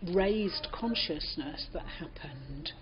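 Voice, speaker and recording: This older woman speaks slowly in a low-pitched, animated voice with a British accent. In an oral history interview she reminisces reflectively, telling anecdotes and acting out what others said, all on a dull, muffled lo-fi recording.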